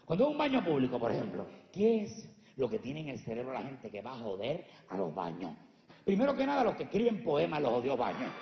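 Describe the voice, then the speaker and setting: Man, Puerto Rican accent, stand-up comic, profane and teasing, gravelly edges, echoey hall recording. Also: medium pitch, very animated, a little fast, lo-fi sound. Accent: Puerto Rican Spanish. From Puerto Rico. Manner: brash, profane, teasing the audience. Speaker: stand-up comedian. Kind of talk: stand-up comedy. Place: live stage before an audience.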